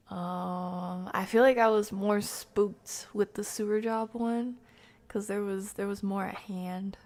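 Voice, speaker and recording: A woman with a mid-range voice hosts a game stream, chatting with live viewers in a casual, playful, slang-heavy way. Her voice is often creaky and at times goes soft.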